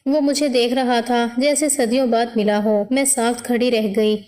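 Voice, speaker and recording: A woman reads a scripted first-person story in a steady, solemn way. Her voice is somewhat high yet dark and mellow in tone. A long hall reverb hangs on every word.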